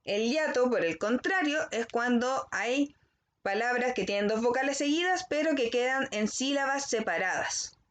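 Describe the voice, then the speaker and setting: A woman teacher giving a recorded language lesson to children. She explains slowly and carefully and keeps checking in with the class. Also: on the high side, expressive. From Chile.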